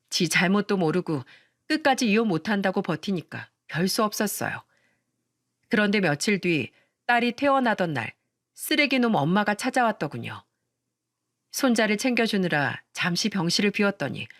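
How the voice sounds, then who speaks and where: A woman's voice: medium pitch, dry recording, studio quality. An older woman narrating a scripted radio story as an angry mother, fiery when she quotes herself.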